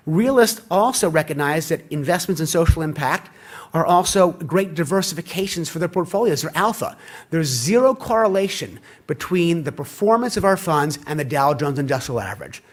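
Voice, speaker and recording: A middle-aged man giving a conference keynote, telling stories and acting out quoted dialogue in an animated way. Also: on the high side, moderate pace. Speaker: keynote speaker. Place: conference hall.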